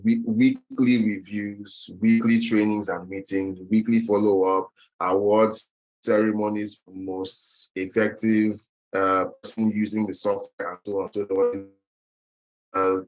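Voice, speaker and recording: A man's voice: on the low side, level tone, a little slow, rough recording. A man giving an online business presentation in a webinar, hesitant and full of fillers and restarts, over a video call microphone.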